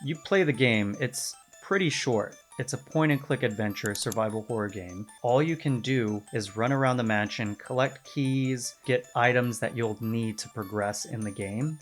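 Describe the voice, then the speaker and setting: A man's voice: medium pitch, moderate pace, few pauses, soft background music. A man hosting a gaming video, narrating a casual video essay and explaining things step by step with conversational asides.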